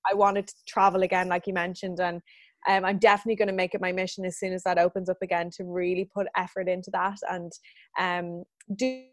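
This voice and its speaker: A business owner in her thirties answers interview questions as a guest, chatty and earnest, laughing often. Her voice is on the low side, her delivery flat and fast, with no room sound.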